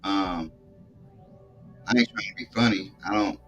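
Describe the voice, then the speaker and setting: A man's voice: deep voice, measured pace, lo-fi sound, soft background music. A man hosting a casual stream, talking loosely with slang and frequent swearing while showing his home grow room.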